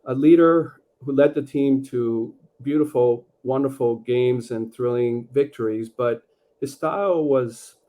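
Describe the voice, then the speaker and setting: A middle-aged man from Peru, a guest author talking in a measured, reflective way with many fillers over a video call. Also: mid-range voice, mellow. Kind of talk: conversational interview.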